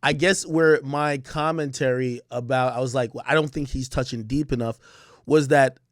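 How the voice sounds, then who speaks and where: A man's voice: mid-range voice, fairly even intonation, normal speed, no echo, clean studio sound. A man, a hip-hop commentator, debating on a live stream, cutting in often and stammering repeated words.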